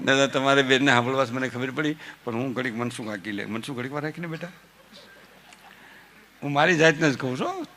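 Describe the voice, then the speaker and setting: A man with a Saurashtra Gujarati accent doing folk stand-up storytelling, animated and chuckling at his own jokes while he mimics family members. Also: medium pitch. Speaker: folk comedian.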